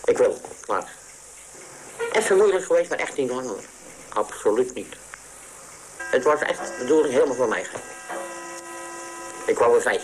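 A man in a radio interview whose voice is electronically distorted and pitch-shifted to hide who he is; he speaks hesitantly, with many halting restarts. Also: lively intonation, noisy background. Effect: voice distorted to disguise identity, pitch-shifted. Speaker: interviewee, former patient.

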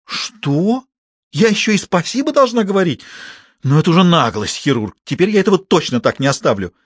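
A man voicing a loud, quarrelsome village woman in an audiobook, shrill and blustering. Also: big pitch swings, quick pace, slightly rough, dry recording, studio quality. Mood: indignant. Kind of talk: audiobook character voice.

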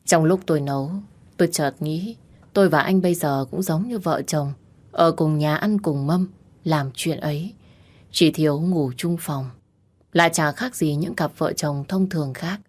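A woman narrating a first-person romance story as an audiobook, in a steady, emotional reading. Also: low voice, unhurried.

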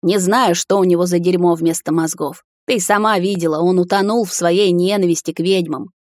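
A woman's voice: on the low side, fairly even intonation, normal speed, no room sound, studio quality, close to an everyday voice. A woman voicing a desperate, anguished king. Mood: broken, pleading. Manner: pleading then shouting, raw and broken. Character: anguished middle-aged king, desperate father. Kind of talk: audiobook character reading.

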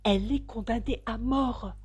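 A small, jumpy male rabbit voiced by a woman frets in a timid, hushed voice. The pitch sits a little raised and the tone is slightly husky, always glancing over his shoulder in fear. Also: moderate pace. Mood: timid nervous. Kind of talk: storybook reading.

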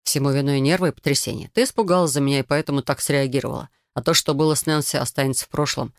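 A woman reading an audiobook voices a young man who slowly and insistently justifies himself to his fiancée. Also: extremely low pitch, no echo, clean studio sound. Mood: dismissive.

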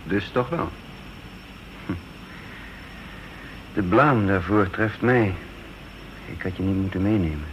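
In a radio drama, an actor plays a guarded but earnest male intelligence chief who hides his gravity behind a flippant facade. His low-pitched voice moves slowly, musing and hesitant, with frequent pauses as he narrates in the first person. The old recording is dull and noisy.

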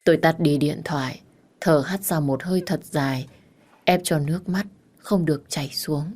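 A woman narrating a romance story in the first person, calm and measured. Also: low-pitched.

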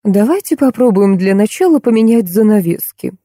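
Woman doing a calm composed designer lady, slow and even, dry close mic. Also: mid-range voice, no echo, voice pushed up, lightly acted. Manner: calm, measured.

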